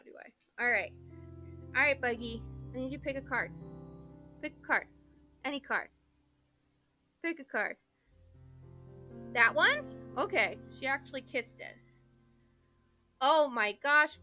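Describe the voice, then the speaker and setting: A woman's voice: fairly high pitch, bright, forceful tone. A woman hosting a casual live stream from home, chatting playfully and talking to her dog.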